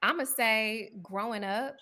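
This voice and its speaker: A young woman from Texas, chatting on a panel and setting out her view deliberately. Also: on the high side, pushed and bright, slight background noise. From Houston, Texas. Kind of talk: casual panel chat.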